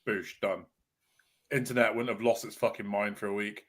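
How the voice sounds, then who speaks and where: A man's voice: on the low side, little pitch movement, fast, fairly bright tone. A man on a gaming podcast panel, talking bluntly and swearing as he rants in casual chat.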